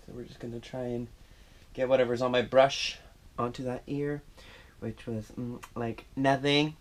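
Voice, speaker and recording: A man's voice: medium pitch, fairly bright tone. A man chatting casually through a makeup tutorial at home, rambling and self-deprecating, recorded on an action camera. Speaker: makeup vlogger.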